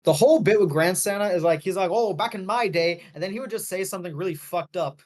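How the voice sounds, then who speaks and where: A man's voice: high voice, fast, crowd noise. A man co-hosting a podcast, chatting casually about a movie, rambling with lots of fillers and restarts. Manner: rambling, heavy on fillers, self-correcting. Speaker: podcast co-host.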